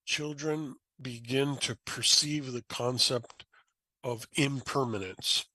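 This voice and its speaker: A man chatting on a podcast, explaining ideas calmly and slipping into animated quoted voices. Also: medium pitch, takes it slowly, dry recording, rough recording. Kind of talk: conversational podcast chat.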